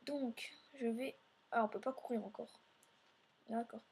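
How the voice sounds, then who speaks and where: A woman's voice: a little high, steady tone, a little slow, darkish tone, husky. A woman hosting a let's play, narrating her gameplay in a meandering way and talking straight to her viewers. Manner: meandering, filler-heavy narration while playing; speaks directly to viewers.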